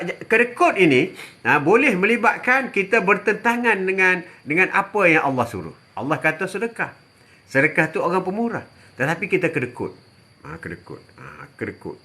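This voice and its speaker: An older man from Malaysia giving religious advice on a live stream, answering viewers in a chatty way, repeating phrases and often dropping a quick "ha". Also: on the high side, big pitch swings, sharp tone. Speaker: religious teacher.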